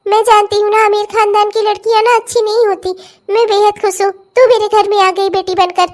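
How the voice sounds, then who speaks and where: A shrill old cartoon mother-in-law. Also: flat delivery. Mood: doting. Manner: scolding, shrill, fast when angry. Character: loving but fiery old mother-in-law. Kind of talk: cartoon voice acting.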